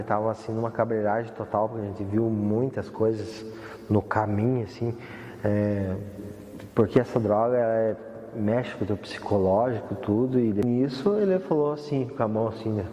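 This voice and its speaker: A man with a lowish, mellow voice tells a heartfelt personal story for a documentary, rambling and leaning on lots of fillers. He's recorded in a roomy, echoey hall with faint ambience.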